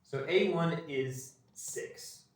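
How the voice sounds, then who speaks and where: A man's voice: fairly high pitch, very slow. A young male teacher giving a recorded math lesson in an empty classroom, with jokey, self-deprecating asides. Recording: very echoey room, distant mic.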